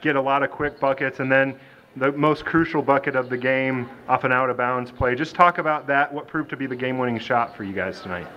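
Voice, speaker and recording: A man interviewing a coach and players after a basketball game, asking brisk leading questions. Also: medium pitch, dull audio, a little hiss or hum. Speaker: sports interviewer.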